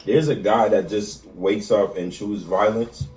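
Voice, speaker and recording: A man with a very low voice chats casually and leans on easy slang. He sounds set back from the mic in a roomy, echoing space, with faint music behind him. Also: fairly even intonation, a little slow, far from the mic, background noise. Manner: laid-back slang-heavy talk. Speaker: podcast co-host. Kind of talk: casual chat.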